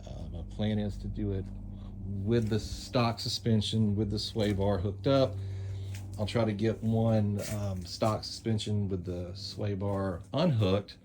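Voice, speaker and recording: A man casually narrating a product test, halting as he thinks aloud. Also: lowish voice, steady tone, a little mellow, slight background noise. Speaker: off-road vehicle vlogger.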